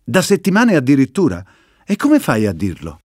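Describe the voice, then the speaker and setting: A man's voice: medium pitch, huge pitch swings, normal speed, breathy edge, dry recording, studio quality. A man voicing a proud young female viper, an artist who talks in a fussy, exasperated way. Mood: mocking.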